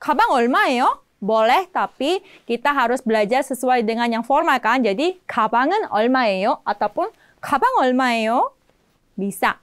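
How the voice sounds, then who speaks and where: A woman teaching an online language lesson, speaking lively and repeating phrases slowly and clearly for learners. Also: high-pitched, no echo, studio quality. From Indonesia.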